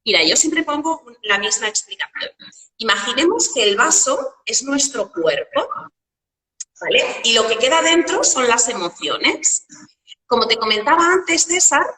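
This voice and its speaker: Woman, bright higher voice, coaching guest who asks and answers her own questions; recorded in an echoey room, somewhat off-mic. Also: normal speed, distant mic. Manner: animated, explains with metaphors and rhetorical questions.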